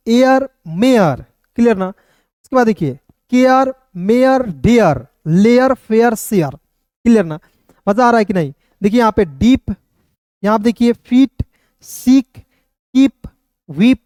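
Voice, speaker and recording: A man teaching English reading to viewers. He spells words out letter by letter, drills each one slowly and keeps asking his friends in the audience questions. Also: very high-pitched, a little mellow, no room sound, clean studio sound. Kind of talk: spoken phonics lesson for Hindi speakers.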